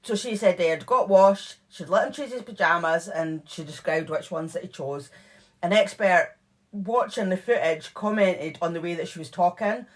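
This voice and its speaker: A woman's voice: on the low side, normal speed. Woman cohost on a true crime pod, rambly casual chat, lots of likes. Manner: chatty, filler-heavy retelling of case notes. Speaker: podcast co-host.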